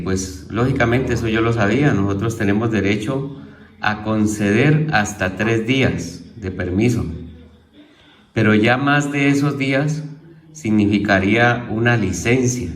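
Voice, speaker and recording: A man, a teacher, presenting a theology homework lesson in a halting way, correcting himself and repeating key terms as he explains them. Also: medium pitch, roomy sound. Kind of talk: informal spoken lesson.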